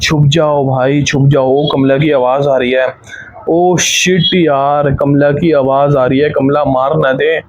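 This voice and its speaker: A man's voice: on the high side, steady tone, highs cut off. Scared young man narrating a horror game. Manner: frightened, hurried live narration of his moves. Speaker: gaming YouTuber.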